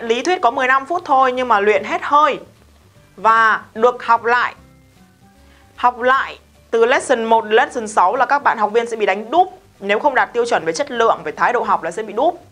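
A woman teaching English pronunciation in a Vietnamese accent, brisk and strict, slowly drilling phrases for learners to repeat. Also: a little high, animated, bright, forceful tone, soft background music. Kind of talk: recorded online lesson.

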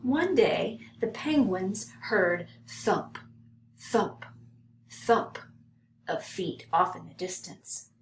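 An older woman reading a children's story aloud with measured, deliberate phrasing. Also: medium pitch, lively intonation, creaky. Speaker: storybook reader. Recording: roomy home recording, some hiss.

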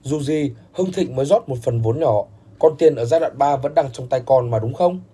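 Male narrator doing a stern old grandfather, dark and husky, reproachful. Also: medium pitch, normal speed, close to an everyday voice. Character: older grandfather, stern business patriarch.

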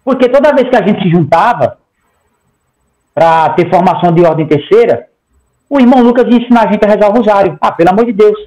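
Here a high, warm male voice speaks a little fast, with the highs cut off by the video-call headset. The speaker is an interview guest of about forty in a home room. Emphatic and gesturing often, he talks in long runs while repeatedly asking "tá?".

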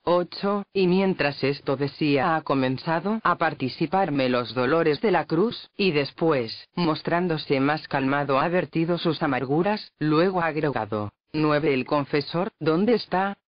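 A man reading a devotional book aloud in a measured, reverent way, reading out numbered entries and dates. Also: on the high side, no echo. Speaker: reader. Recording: dull lo-fi dry recording.

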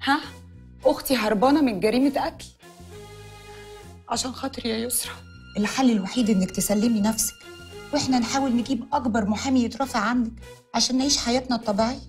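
A woman's voice: fairly high pitch, fast, pauses often, faint music behind, close to an everyday voice. An actress with an Egyptian accent playing a worried sister who scolds and pleads with her sibling. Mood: scolding.

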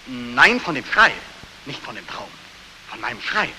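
Haunted young soldier, intensely piercing. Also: male voice, mid-range voice, sing-song, unhurried, sharp tone, full character voice, rough recording. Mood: haunted, strained. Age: young adult. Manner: intense, feverish, military deference. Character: haunted, sleepless young soldier back from war. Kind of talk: 1940s German film acting. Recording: hissy 1940s film soundtrack.

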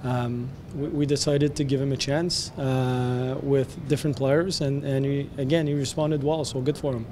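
A man with a French Canadian accent speaks in a flat, even tone, answering reporters after a hockey game. He talks in a measured way, pausing on fillers and restarting phrases. Faint rumble sits behind him. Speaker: hockey head coach. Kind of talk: post-game press interview. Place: arena media backdrop, indoors. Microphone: handheld press mics close.

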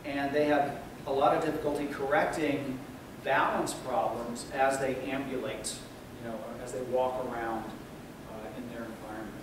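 A man gives a university lecture in an explanatory manner, checking in with his students and pausing on fillers as he goes. He sounds far from the mic in a very echoey room, with clear background noise throughout. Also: medium pitch, fairly even intonation. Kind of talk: recorded classroom lecture.

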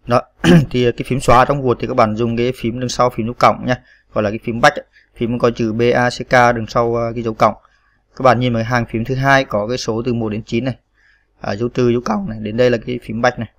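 A man with a medium-pitched voice, recorded with no room sound, teaches typing as a computer tutorial instructor. His screen tutorial goes step by step, patiently spelling out each key amid frequent fillers.

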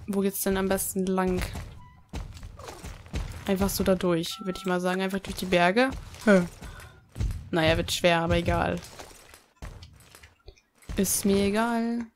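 A woman's voice: on the low side, flat delivery, normal speed, long pauses, a little hiss or hum. Chatty young woman gamer. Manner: chatty, reads quest text aloud, grumbles at the game. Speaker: Let's Play gamer. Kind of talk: casual gameplay commentary.

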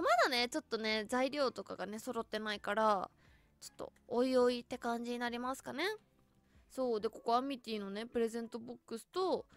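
A woman's voice: on the high side, fairly bright tone. A voice actress giving chatty, casual commentary as she tours a game world and keeps exclaiming in delight.

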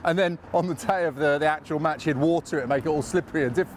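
A man's voice: on the high side, quick pace. A man with a London accent guiding a walking tour through city streets, chatting casually and wandering into self-mocking asides. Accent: London English. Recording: faint street noise outdoors.

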